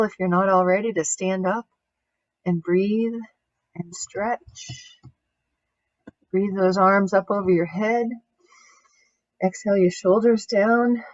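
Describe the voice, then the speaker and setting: A woman coach leading an online grief course, calmly guiding breathing and reading passages aloud over a video call. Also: medium pitch, no echo, lo-fi sound.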